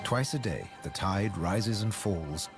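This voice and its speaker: A man reading scripted nature documentary narration in a measured way, with dramatic pauses. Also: fairly low pitch, animated. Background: background music.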